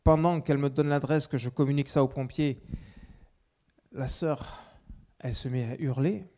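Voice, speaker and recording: A male preacher recounts a personal testimony to his congregation in a mellow, dark voice. He often restarts his phrases, and his volume rises for emphasis before dropping to quiet asides. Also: medium pitch, fairly even intonation, moderate pace. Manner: storytelling with many restarts, swings between loud and hushed.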